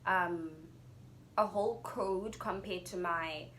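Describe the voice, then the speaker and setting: A young adult woman with a South African accent tells a personal story in a casual, chatty, expressive vlog style. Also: on the low side, slow. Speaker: YouTuber telling a personal story.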